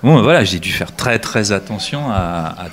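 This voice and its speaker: A middle-aged actor from northern France, speaking mostly standard French with slight northern traces, talking in a relaxed interview with many restarts and fillers. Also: male voice, lowish voice, normal speed.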